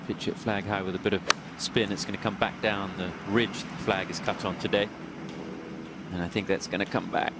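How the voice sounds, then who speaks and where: A man's voice: sits low, little pitch movement, normal speed. A man commentating live on golf, on an outdoor broadcast with ambient noise.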